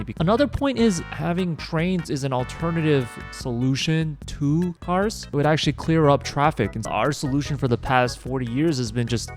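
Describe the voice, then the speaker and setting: A man's voice: on the high side, a little mellow. A man in his twenties with an American accent, giving a casual, informal opinion rant with sweary, exasperated asides. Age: 20s. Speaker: video host.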